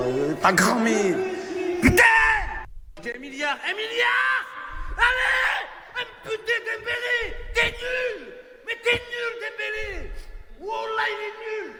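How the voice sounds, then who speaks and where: A man's voice: high-pitched, a bit bright. A man reacting emotionally to a live football match, ranting and repeating himself with profanity, swinging between muttering and screaming. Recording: echoey reverberant room, crowd noise.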